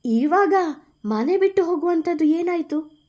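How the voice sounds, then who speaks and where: A woman's voice: very high-pitched, lively intonation, measured pace, voice pushed up. A woman voicing a worried elder housewife. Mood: worried, coaxing. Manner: loud, coaxing, reasoning.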